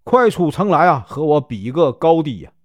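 A man's voice: fairly high pitch, sing-song, brisk, dry recording. A man voicing an indignant loyal general who scolds a traitor, with filler particles. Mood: angry scolding. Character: indignant loyal male general, shouting defiance.

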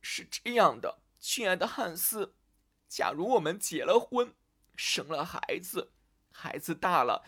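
A man's voice: high-pitched, a bit bright, slightly rough, full character voice. A man voicing a young woman who frets and sobs over imagined troubles in a storybook. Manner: sobbing, wailing worry. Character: young woman Elsa, anxious overthinker, weeps easily.

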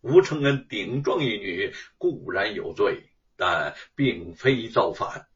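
A male storyteller voicing a calm, measured emperor with a lowered voice. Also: lo-fi sound.

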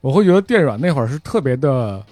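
A man's voice: mid-range voice, sing-song, fast, darkish tone, no echo, soft background music. A man, chatting casually and reminiscing as a panelist on a podcast.

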